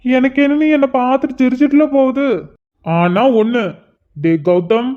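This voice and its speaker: A man's voice: very high-pitched, expressive, moderate pace. A man voicing a heartbroken young man who blames his cousin and swears revenge, in a cartoon. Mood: moping. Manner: brooding, bitter lament. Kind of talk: Tamil cartoon voice acting. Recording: dull lo-fi audio.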